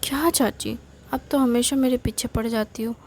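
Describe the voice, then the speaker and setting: Pouty, quarrelsome little girl from a storybook reading, fairly high and soft-toned , read by a woman. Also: steady tone, moderate pace, slight background noise, close to an everyday voice. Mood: complaining. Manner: pouty, complaining. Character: cheeky young girl, quarrelsome little sister.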